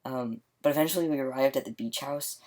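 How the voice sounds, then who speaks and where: A young man in his late teens, tired and mumbling quietly in a casual video diary recorded in a small attic closet. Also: medium pitch, fairly quick. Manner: mumbling, quiet to avoid waking others. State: tired, yawning. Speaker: vlogger.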